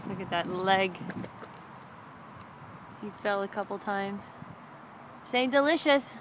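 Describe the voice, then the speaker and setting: A woman filming a toddler at home and coaxing the child in gentle baby talk. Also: mid-range voice, slow, background noise.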